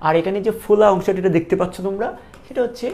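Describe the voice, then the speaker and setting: Gravelly male teacher drilling terms. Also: high voice, rapid-fire, darkish tone. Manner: drills terms in call-and-response, repeating each answer. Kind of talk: classroom lecture.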